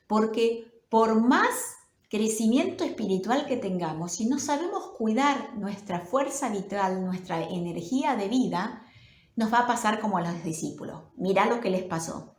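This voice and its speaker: Animated Rioplatense woman pastor preaching. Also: on the high side, a little slow. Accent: Rioplatense Spanish. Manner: warm, animated storytelling with sudden excited bursts. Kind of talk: sermon. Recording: roomy echo.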